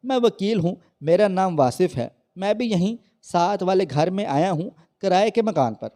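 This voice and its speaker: A man voicing a kind young male lawyer who speaks gently and reassuringly in a read-aloud story. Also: high voice, expressive, normal speed, voice pushed up.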